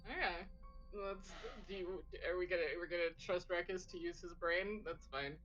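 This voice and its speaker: A woman's voice: lowish voice, normal speed, fairly bright tone, highs cut off, soft background music. A woman player joking and giggling during a tabletop game.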